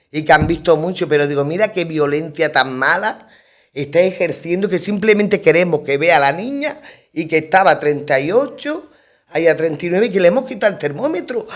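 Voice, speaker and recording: Middle-aged woman, radio talk show guest, round-table chat, lively storyteller, acts out quoted dialogue, rambling with emphatic repeats. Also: on the low side. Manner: rambling, with restarts and emphatic repetitions. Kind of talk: round-table conversation, anecdote telling.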